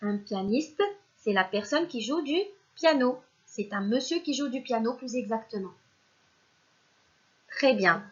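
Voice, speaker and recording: Slowly and patiently, a female primary school teacher sounds out syllables in a recorded remote reading lesson for young children. She speaks straight to the pupils as though they're present and praises them, her slightly high voice animated over lo-fi sound.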